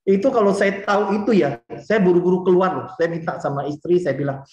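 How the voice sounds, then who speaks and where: Man in his forties, motivational speaker, fairly high voice, lively and chatty, muffled echoey room. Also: fast talker. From Indonesia. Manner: lively and chatty, often addresses the listeners directly. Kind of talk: motivational talk to an audience.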